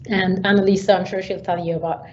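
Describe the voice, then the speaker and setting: A woman in her thirties from Egypt giving an online academic seminar, relaxed and full of fillers. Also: fairly low pitch, fast talker. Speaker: guest lecturer. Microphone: video call. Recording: slightly dull online call audio with faint noise.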